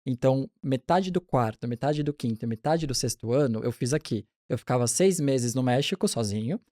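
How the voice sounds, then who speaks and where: In a clean studio recording with no echo, a forties-aged pediatric neonatologist chats casually about his career path during an interview. He talks a little fast in a mid-range voice and frequently starts over mid-thought.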